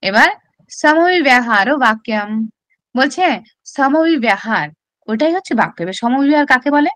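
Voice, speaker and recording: A woman's voice: high voice, expressive, normal speed, a bit bright, no room sound. A woman teacher with a Bengali accent explains a classical text step by step in an online exam-prep class, often asking rhetorical questions.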